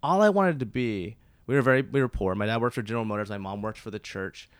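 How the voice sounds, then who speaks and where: An Oklahoma man in his thirties, voice on the low side, talks fast as a guest on a podcast. The casual interview finds him rambling with lots of fillers and restarts, in a clean tone with no room sound.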